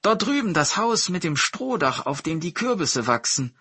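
A man's voice: a little high, sing-song, normal speed, bright, forceful tone, breathy edge, dry recording, voice pushed up, heavily acted. A man voicing a clever, polite young boy in an eager, respectful tone. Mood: earnest.

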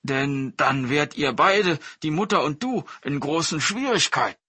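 A man voicing a big male tiger that is hungry yet gullible and soft-hearted. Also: a little high, expressive, a little slow, slightly rough, no room sound, pitched above the performer's own voice, heavily acted. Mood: curious. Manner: wondering, emotional.

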